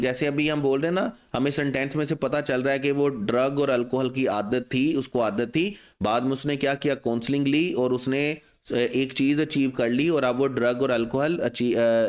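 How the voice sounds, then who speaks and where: A man explains test questions in a lesson, his voice sitting at an ordinary middle pitch. He keeps asking the class questions and answering them himself, slowing right down to read the English sentences aloud. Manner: reads English test sentences slowly and deliberately. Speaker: English teacher.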